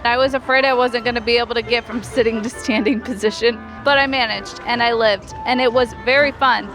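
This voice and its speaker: A woman vlogger and mom chatting casually, self-mocking and excitable. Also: a little high, brisk. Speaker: vlogger, mother. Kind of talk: casual travel vlog chat. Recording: background music under voice.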